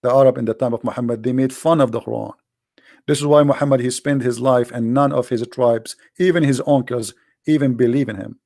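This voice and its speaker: In a dry, close recording without room reverb, a native Arabic-speaking man delivers an emphatic, blunt livestream sermon as a daily broadcast host, addressing viewers head-on. His gravelly voice is medium-pitched, a bit mellow, fairly even in intonation, and fairly quick.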